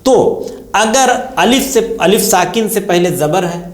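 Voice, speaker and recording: A man's voice: sits high, expressive, echoey room. A man with an Indian Urdu accent teaching tajweed, patiently repeating key terms and asking and answering his own questions. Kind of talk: religious lesson explanation.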